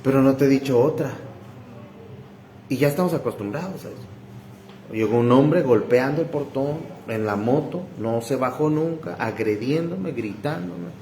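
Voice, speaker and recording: A pastor delivers a sermon in a church hall, speaking emphatically and directly to the congregation, repeating himself and calling listeners "brother." His medium-pitched, slightly mellow voice moves at a measured pace, captured in a reverberant, low-quality recording with slight background noise.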